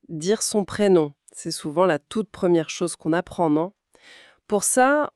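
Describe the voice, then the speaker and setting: A woman teaching beginner French step by step, calmly modelling pronunciation for learners to repeat. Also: lowish voice, smooth, dry recording, studio quality. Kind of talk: beginner language lesson.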